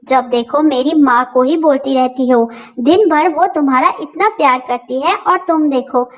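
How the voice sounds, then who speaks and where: A woman's voice: high voice, moderate pace, dull audio, close to an everyday voice. A woman playing a fed-up young husband. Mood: angry. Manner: exasperated, scolding.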